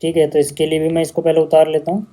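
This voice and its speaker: A man's voice: a little high, monotone, fast, warm tone. A male maths teacher, patiently explaining steps in a casual lesson video.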